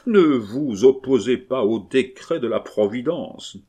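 A man's voice: mid-range voice, lively intonation, unhurried, dark tone, slightly rough, pitched above the performer's own voice. A man voicing a pious male rioter who speaks in a devout, unctuous way. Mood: devout preaching.

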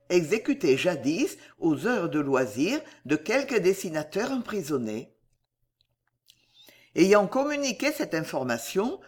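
An audiobook narrator giving a measured literary reading. The pitch moves about lively across the phrases, and the delivery stays steady and scripted. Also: slightly rough.

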